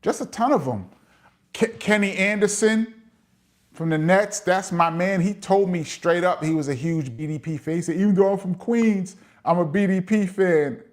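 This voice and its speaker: A man's voice: high voice, normal speed. Chatty New York man hosting. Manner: chatty, laughs often, lots of "um" fillers. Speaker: host reading live chat questions. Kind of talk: casual live chat and Q&A.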